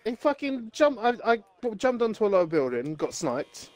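A man in casual gaming banter with his friends, sweary, giggly and quick to mock-indignation. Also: high-pitched, very animated, a little mellow, dry recording. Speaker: gamer playing with friends.

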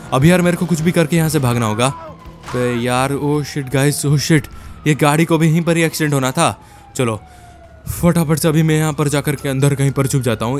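A young man commentates a game run in frantic, casual slang, speaking in the first person as the character he controls. His voice sits a little high, and he fires off the same words in rapid bursts. Faint game music plays underneath. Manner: casual slangy Hinglish, addresses viewers as guys. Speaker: gaming YouTuber. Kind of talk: excited Let's Play commentary.

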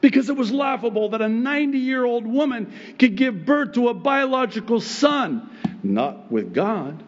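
A middle-aged pastor whose first language is Arabic preaches a sermon indoors into a pulpit microphone, standing on a church stage with a wooden pulpit and plants. His voice is very high and his pace normal, and he's animated, chuckling often as he acts out God's replies. The recording is lo-fi.

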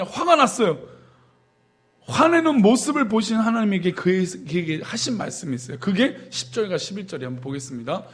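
High-voiced male pastor preaching animatedly. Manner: animated preaching, acting out indignant quotes and reading scripture aloud. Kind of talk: sermon.

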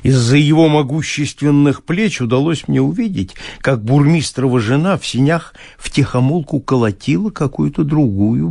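A man reading a classic story aloud as an audiobook narrator, expressive and theatrical. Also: medium pitch, creaky, slightly rough, no echo, clean studio sound. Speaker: audiobook reader.

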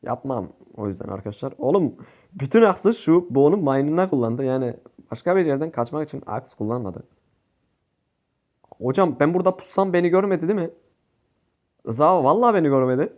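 A young man talks over his game in a casual commentary style. His voice sits on the high side, and he turns excitable, groaning and shouting at teammates as the match goes on. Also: a little fast, long pauses. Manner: excitable, swears and yells at teammates. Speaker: gaming youtuber.

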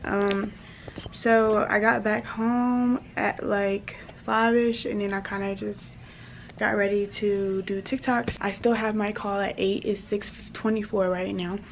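A woman's voice: mid-range voice, a little hiss or hum. A young woman, chatting casually to her vlog viewers, rambling and calling them y'all. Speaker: vlogger. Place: at home.

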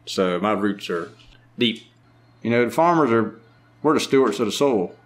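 A middle-aged man with a strong Maryland Eastern Shore accent, a farmer talking casually in an interview with a drawn-out, unhurried way of speaking. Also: fairly low pitch, lively intonation. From lower Eastern Shore of Maryland. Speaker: farmer and market owner.

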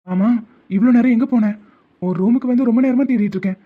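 A man voicing a devoted, protective young man in a cartoon, talking earnestly and gently comforting. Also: very high voice, fast. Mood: tender. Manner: earnest, soft-spoken comforting. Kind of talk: cartoon voice acting. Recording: tinny phone-like sound.

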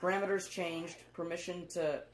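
An actor voicing a malfunctioning male recruitment robot in a video game, speaking in clipped, monotone machine announcements through a robot voice filter while it throws errors and reboots. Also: sits high, moderate pace. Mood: glitching. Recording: roomy game audio with faint noise.

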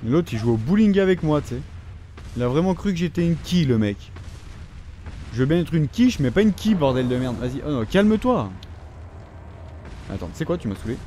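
Foul-mouthed French gamer, lively pitch. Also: male voice, fairly quick, pauses often, slight background noise. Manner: swears constantly, scolds the game characters. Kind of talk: casual gameplay commentary.

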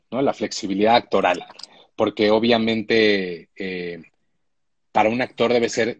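Man, 40s, mid-pitched, reflective showrunner guest on a home video call, dry close sound. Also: no echo, dull audio. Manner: thoughtful, reflective, with frequent restarts. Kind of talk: casual live-stream interview. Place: indoor room at home. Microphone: phone or laptop on a video call.

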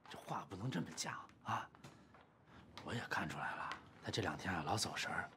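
A calm gentle teacher. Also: male voice, deep voice, a little fast, background noise. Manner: soft, coaxing, reasoning. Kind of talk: TV drama acting. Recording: loud music underneath.

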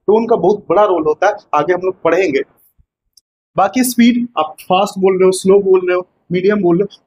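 High-voiced male teacher, lecture style. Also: a little hiss or hum, rough recording. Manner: explains step by step with rhetorical questions and "है ना" checks. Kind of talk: exam-prep lecture. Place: classroom with whiteboard.

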